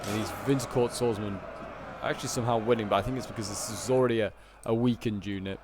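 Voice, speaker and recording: A man giving casual, animated live commentary on a strategy game battle in colloquial speech. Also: fairly low pitch, quick pace, very noisy. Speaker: gameplay commentator.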